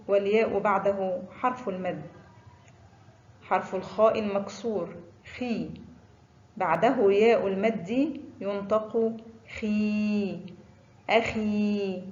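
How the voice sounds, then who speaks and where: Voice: mid-range voice, darkish tone. Teacher voice, recited phonics drill, example words drawn out; slightly muffled, roomy sound. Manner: drawn-out example words after brisk letter rules. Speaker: Arabic teacher. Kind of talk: slow recited phonics lesson.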